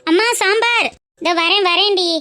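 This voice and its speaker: A woman's voice: extremely high pitch, animated, brisk, noisy background. A woman voicing a cheerful, chatty young daughter in a family cartoon, coaxing and playful with her mother. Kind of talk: cartoon voice acting.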